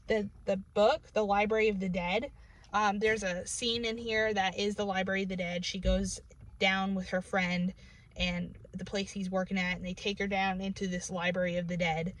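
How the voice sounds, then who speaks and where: A woman with a New England accent and a mid-range voice reviews a book for a casual vlog while sitting in a parked car. She rambles, filling her speech with lots of "like" and "um," recorded by a camera inside the car.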